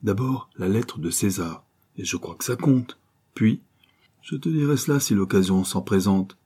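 A man's voice: on the low side, lively intonation, moderate pace, warm tone, breathy edge. A man reading an audiobook, voicing a scheming, ruthless adventuress who speaks in a biting, commanding way. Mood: scornful.

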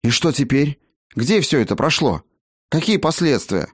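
A man voices an anxious elf healer, sounding worried and questioning in a husky, very animated mid-range voice pitched above his own. He keeps a moderate pace, and the recording is dry with clean studio sound.

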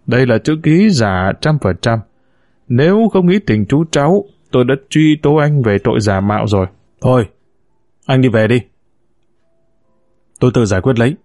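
A man voicing a calm, stern older uncle who works as a judge. He speaks in a firm, measured way in a spoken story. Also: mid-range voice, no room sound, clean studio sound, close to an everyday voice.

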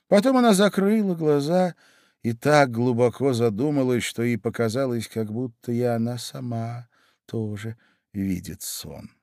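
A man narrating a storybook in a scripted reading, expressive and measured. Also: mid-range voice, no room sound, clean studio sound.

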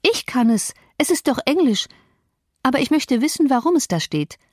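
Woman reading as a teenage girl, headstrong, indignant questions, higher pitch, dry recording. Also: very animated, normal speed, darkish tone, no room sound.

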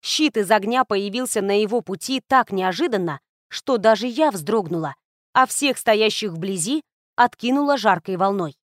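A woman narrating a first-person fantasy audiobook in a steady storytelling manner. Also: mid-range voice, moderate pace, no echo, clean studio sound.

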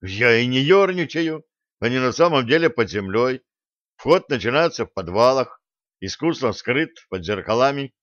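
A man's voice: mid-range voice, animated, moderate pace, a bit bright, no room sound, close to an everyday voice. A man voicing a blunt young male crew member who reports with dry, matter-of-fact wit in an audiobook. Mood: wry. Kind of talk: audiobook character voice. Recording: dull lo-fi audio.

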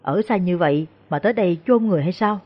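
A woman voicing a shrewd, calm older male exorcist master who asks probing, feigned questions. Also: on the low side, quick pace. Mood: shrewd questioning. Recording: dull lo-fi recording.

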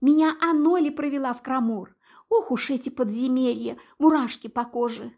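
A woman voicing a cheerful young mermaid secretary in an audiobook, chatty and excitable. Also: high voice, moderate pace, voice pushed up. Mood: excited.

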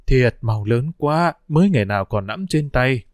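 Guy doing a gentle old auntie, slow and soft, dry close sound. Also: medium pitch, lively intonation, dry recording, close to an everyday voice. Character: elderly woman, gentle country aunt.

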